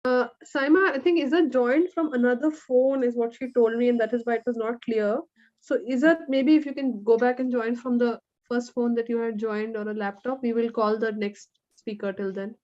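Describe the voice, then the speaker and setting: Female organizer, fairly high voice, dull call audio, practical and casual. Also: steady tone, moderate pace, a little mellow. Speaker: event organizer.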